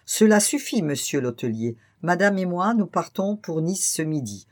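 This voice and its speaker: Fretful hypochondriac gentleman in a storybook reading, pitched up and loud, put on by the narrator. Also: big pitch swings, moderate pace. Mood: suspicious. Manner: fretful, exclamatory, suspicious. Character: fussy anxious middle-aged bourgeois man.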